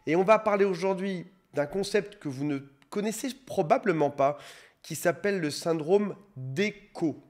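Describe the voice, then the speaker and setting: Casual French-speaking man explaining to viewers. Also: on the high side. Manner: casual and conversational, switching between formal and familiar address; light self-mocking asides. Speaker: YouTube explainer on emotional dependency. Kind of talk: direct-to-viewer educational talk.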